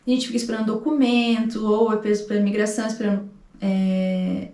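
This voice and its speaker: A vlogger in her thirties with a Brazilian Portuguese accent tells a personal story with emotion, acting out the dialogue in a mellow, medium-pitched voice with little pitch movement, a little fast. She sounds distant from the mic in an echoey room.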